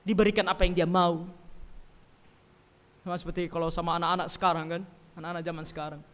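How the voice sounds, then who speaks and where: A man preaching a Sunday sermon in a church, emphatic, swinging between loud stresses and quiet asides. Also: a little high, little pitch movement, fast talker, big-room sound.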